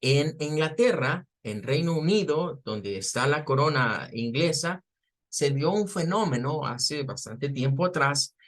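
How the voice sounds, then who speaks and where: Male teacher, somewhat high voice, patient explainer who repeats words slowly for students. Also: lively intonation, a bit bright. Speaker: English teacher. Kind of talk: online class lecture.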